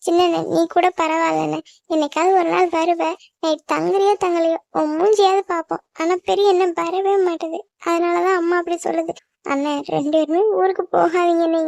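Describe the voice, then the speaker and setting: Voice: sits high, darkish tone, no room sound, close to an everyday voice. A performer voicing the youngest child of a cartoon family, pleading and whiny with the older brothers. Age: child figure. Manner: pleading, whiny sibling talk. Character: youngest child sibling, clingy and sensitive. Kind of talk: cartoon voice acting.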